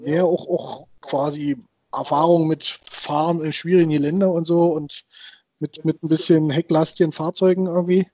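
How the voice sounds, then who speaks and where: A man's voice: fairly high pitch, little pitch movement, normal speed, dark tone, slight background noise. A man in his thirties co-hosting a casual podcast, rambling with many fillers and restarts. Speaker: podcast co-host. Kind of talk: casual chat. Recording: dull dry sound.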